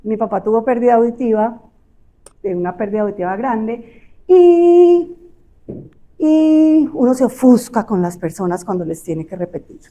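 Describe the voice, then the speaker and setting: Woman, Colombian Spanish accent, somewhat high-pitched, audiologist giving a talk, chatty explanatory lecture, fillers and tag questions. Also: expressive, normal speed, dark tone. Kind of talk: conversational health lecture.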